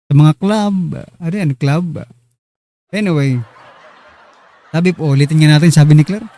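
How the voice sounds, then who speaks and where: A man's voice: on the high side, moderate pace, warm tone. A man hosting a casual political commentary show, chatty and teasing as he talks straight to his viewers. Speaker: online news commentary host.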